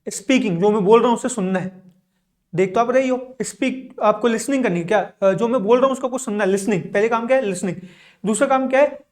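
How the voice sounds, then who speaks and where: A man's voice: extremely high pitch, quick pace. Man teaching English with self-answered questions. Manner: asks rhetorical questions and answers them himself; says "ठीक है" often to check that listeners follow. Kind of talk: online video lesson.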